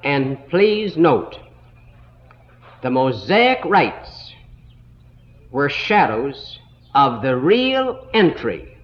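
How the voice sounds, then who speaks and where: On an old 1960s tape with dull audio, a man with a voice on the high side teaches a Bible school lesson. He goes slowly and deliberately, pausing to spell words out letter by letter.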